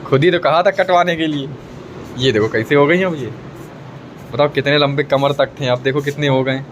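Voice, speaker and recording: His voice sits on the high side and moves at normal speed, though the recording is muffled with slight background noise. The speaker is a young family vlogger chatting and teasing casually into his phone camera at home, frequently speaking to his viewers.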